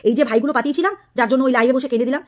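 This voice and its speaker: A woman's voice: sits high, racing. A woman, a vlogger ranting to the camera in a scolding, mocking tone. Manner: scolding, mocking, insulting a rival. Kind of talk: angry direct-to-camera rant.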